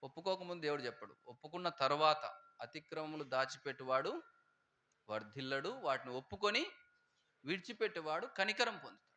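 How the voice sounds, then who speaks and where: A man's voice: on the high side, animated, brisk, sharp tone. A man preaching a sermon to a congregation, often asking them questions.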